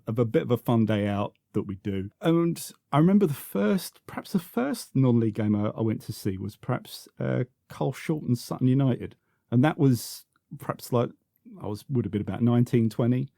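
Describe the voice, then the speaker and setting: A man's voice: medium pitch, animated, fairly quick, creaky, dark tone, dry recording, studio quality. A man, reminiscing as a podcast guest, full of restarts and repeated words. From South London, England. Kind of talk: reminiscing conversational interview.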